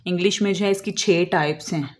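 A woman explaining a lesson as an English teacher, slowly drawing out example words and answering her own questions. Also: lowish voice, a little hiss or hum. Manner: asks questions and answers them herself.

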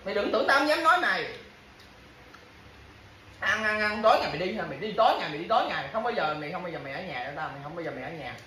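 Racing along with hardly any pauses, a fairly low-pitched woman with a fairly bright tone scolds her partner, circling back to the same complaints and idle threats. The casual household argument is captured in an echoey room with faint background noise.

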